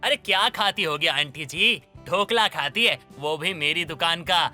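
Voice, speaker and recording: A voice actor playing an excitable, goofy young man who sells dhokla in an animated story, talking in comic, over-the-top bursts. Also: mid-range voice, measured pace, faint music behind. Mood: cheeky.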